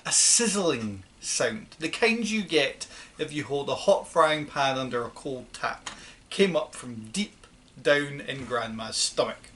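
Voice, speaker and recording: A woman narrating a children's storybook with an expressive, dramatic reading. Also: very deep voice, slow pace, slight background noise. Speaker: audiobook narrator.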